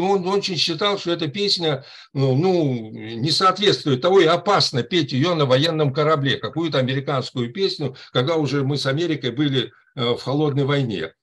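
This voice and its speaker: This is a man in his eighties speaking into a webcam from his room at home. His voice is husky and sits a bit high. He rambles through his points, restarting words and hesitating often. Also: fairly bright tone. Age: 80s. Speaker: club member commenting. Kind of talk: casual chat on a video call. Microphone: webcam on a video call.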